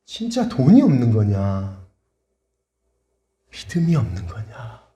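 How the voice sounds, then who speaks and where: Stern questioning Lord, put on by a male pastor, low, slow, probing, echoey church hall. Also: huge pitch swings, warm tone, exaggerated voice.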